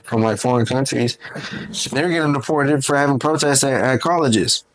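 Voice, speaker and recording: A man's voice: medium pitch, moderate pace, slight background noise, rough recording. A man co-hosting a podcast, giving emphatic, opinionated takes in casual chat and swearing freely. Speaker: podcast co-host.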